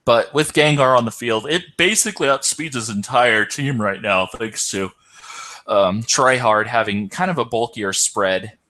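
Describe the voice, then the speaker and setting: A tired man, yawning, hosts and commentates an online game tournament. He sounds hesitant, full of ums and self-corrections, speaking a little slowly at medium pitch with a sharp tone.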